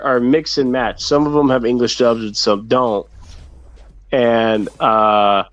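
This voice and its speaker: A man co-hosting a casual gaming chat, rambling and thinking aloud as he talks. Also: mid-range voice. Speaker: co-host.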